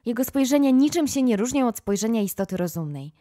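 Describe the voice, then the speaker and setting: A woman's voice: on the high side, expressive, fast talker, warm tone, dry recording, clean studio sound, pitched above the performer's own voice, lightly acted. A woman reading an audiobook, voicing an imaginative, kind young girl with a dreamy, playful tone. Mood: earnest.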